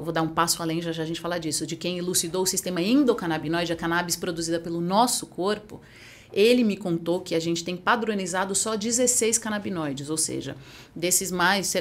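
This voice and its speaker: A woman answers interview questions in a lowish voice. She explains things step by step in a patient, informative way, with lively stress on key points. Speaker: guest, medical cannabis entrepreneur. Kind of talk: explanatory podcast interview talk.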